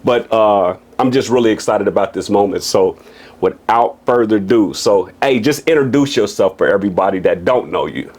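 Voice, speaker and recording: A man's voice: on the low side, expressive, moderate pace, a little mellow. A man of forty, from Kansas City, hosting a podcast interview in a casual, upbeat way and often checking in with "you know what I'm saying.". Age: 40s. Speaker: podcast host.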